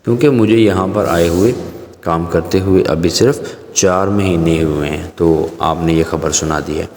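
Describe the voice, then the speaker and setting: A man's voice: low voice, a little slow, darkish tone. A male English teacher explaining the meaning of each word in short dialogues and then reading them aloud with rhythm. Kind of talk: language lesson explaining dialogues. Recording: echoey room with long reverb, faint ambience.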